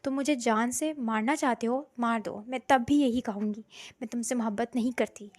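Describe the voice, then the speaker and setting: Woman doing a scared but stubborn young woman in a storybook, sharp protesting voice, highish, dry sound. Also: steady tone, no echo, close to an everyday voice. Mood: desperate. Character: frightened but defiant young woman, a student.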